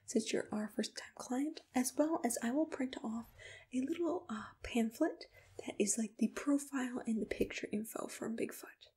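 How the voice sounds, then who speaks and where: Close to the mic, a woman with a somewhat high voice speaks in breathy, mostly whispered tones. She gently plays an attentive agency assistant in an ASMR roleplay, addressing the listener in an unhurried, personal customer-service manner.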